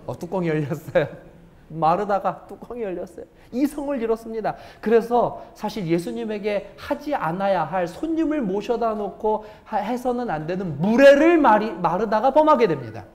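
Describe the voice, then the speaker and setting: A male pastor preaching a sermon in a church. He keeps asking the congregation rhetorical questions and swings between loud emphasis and hushed asides. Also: high voice. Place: church sanctuary.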